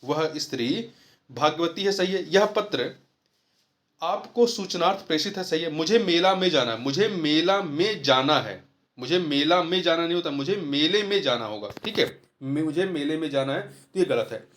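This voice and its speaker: A man's voice: fairly high pitch, lively intonation, normal speed, fairly bright tone. A man tutoring through a Hindi test paper, explaining each answer step by step and repeating the key words. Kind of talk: test-paper walkthrough lesson.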